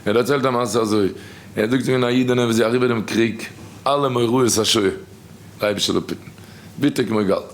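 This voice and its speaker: A man with a Yiddish accent giving a sermon, telling stories quickly and quoting people. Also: medium pitch. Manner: rapid storytelling, quoting others. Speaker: rabbi giving a talk.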